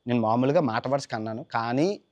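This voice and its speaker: A man's voice: mid-range voice, fast, a little mellow. A man retelling an epic tale in a casual, colloquial way, stepping into the characters' lines with big swings of voice. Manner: chatty, colloquial, mixes English words. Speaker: storyteller. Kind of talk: casual storytelling with acted quotes.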